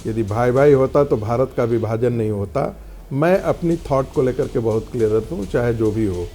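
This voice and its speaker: A man's voice: medium pitch, moderate pace, mellow, faint music behind. A man arguing bluntly as a panelist on a TV debate, cutting others off dismissively. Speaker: political panelist. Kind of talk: heated TV debate argument.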